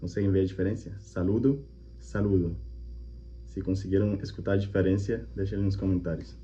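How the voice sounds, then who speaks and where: A man's voice: deep voice, fairly even intonation, a little fast, mellow. A man, hosting and teaching language in a chatty, explanatory way, often checking in with "né?". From Colombia. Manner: friendly, chatty, repeats examples with frequent "né?". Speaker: language teacher and channel host. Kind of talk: casual explanatory reaction video. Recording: slightly muffled with faint hum.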